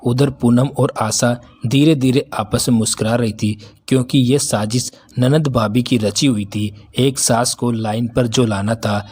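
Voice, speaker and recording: A man narrating a scripted family story as a storyteller, in an even reading manner. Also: mid-range voice, a little slow, hardly any pauses, breathy edge.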